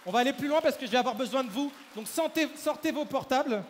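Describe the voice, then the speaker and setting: A man performing a live mind-reading act, briskly directing the audience and volunteers on stage through a handheld microphone. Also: very high-pitched, slight background noise. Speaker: stage mentalist. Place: large hall at a fair. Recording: echoey hall, faint crowd ambience.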